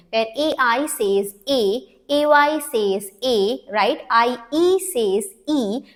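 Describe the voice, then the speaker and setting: A woman with an Indian accent teaching phonics, mixing Hindi and English and often checking in with "right?". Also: fairly high pitch. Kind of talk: online phonics lesson.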